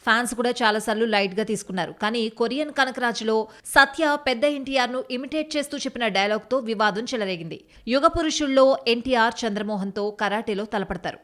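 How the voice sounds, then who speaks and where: A woman reads a scripted entertainment news voice-over. She speaks at a steady, even news pace. Her voice sits a little high. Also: fairly quick. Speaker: news narrator.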